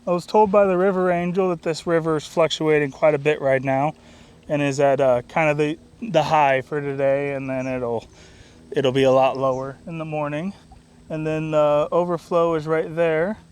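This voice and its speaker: A man's voice: fairly high pitch, a little mellow, smooth. A young man talking casually about his river trip outdoors, easygoing and upbeat, with lots of fillers and restarts. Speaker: solo river traveler vlogging his trip. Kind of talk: casual travel vlog narration.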